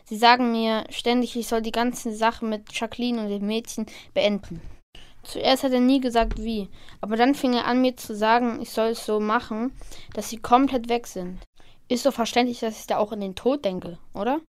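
Woman playing a hurt schoolboy, high clear voice. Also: steady tone, moderate pace, no room sound, close to an everyday voice. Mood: dark, troubled. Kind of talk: amateur scripted audio drama.

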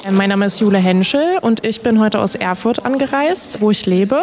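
Workshop leader from northern Germany, calm and explanatory, mid pitch. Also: female voice, moderate pace. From Rostock, Germany. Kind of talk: interview statement.

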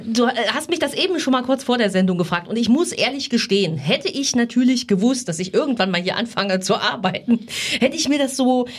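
A woman's voice: a little high, expressive, a little fast, slightly rough. A woman who works as a community radio presenter, chatting casually in a candid, jokey way.

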